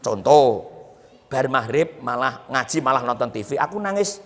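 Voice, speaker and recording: At a boarding school, a man with a Javanese accent gives a humorous Islamic sermon, joking and teasing the audience as he mixes Javanese and Indonesian. His medium-pitched voice is expressive and fairly bright, moving at normal speed with a long reverb tail.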